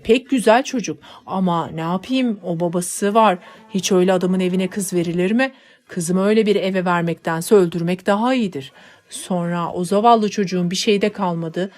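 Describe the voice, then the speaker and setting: A stern, dismissive father, as a woman reader voices him, talking briskly and firmly in a storybook reading. The voice stays near the reader's own, slightly lower and quicker. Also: a little mellow, close to an everyday voice.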